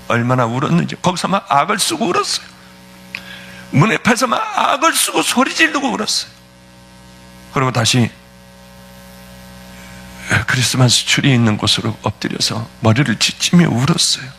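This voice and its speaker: A man's voice: on the high side, creaky, fairly bright tone, slight background noise. A male pastor giving a fervent, emotional testimony sermon, telling his story with sudden swings of feeling.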